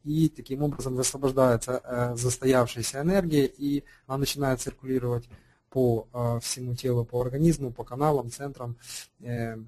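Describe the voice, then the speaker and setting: A man speaks off the cuff as an alternative health practitioner, his voice mellow and dark in tone at a middling pitch. He hesitates often, filling gaps and restarting phrases as he explains. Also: fairly even intonation, moderate pace. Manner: hesitant, many fillers and restarts. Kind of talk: unscripted explanatory talk.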